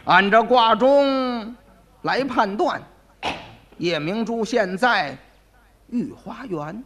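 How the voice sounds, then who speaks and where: A man voicing a sly male fortune-teller who puts on slow, self-important airs in a comic storytelling act. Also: high voice, a bit bright, full character voice. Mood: pompous chant.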